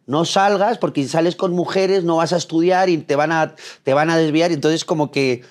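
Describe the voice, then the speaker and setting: A man's voice: on the high side, normal speed. A young adult man from Spain with a Madrid accent, answering interview questions about dating in an earnest, storytelling way. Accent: Madrid Spanish. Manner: earnest, storytelling, frequent restarts. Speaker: dating coach guest. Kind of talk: interview conversation.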